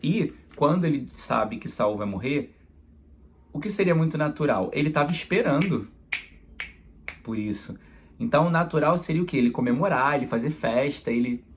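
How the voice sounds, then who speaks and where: Um padre pregando uma homilia em tom de conversa, com exemplos do dia a dia. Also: male voice, fairly high pitch, expressive, normal speed, slight background noise. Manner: conversational preaching with everyday examples. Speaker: priest.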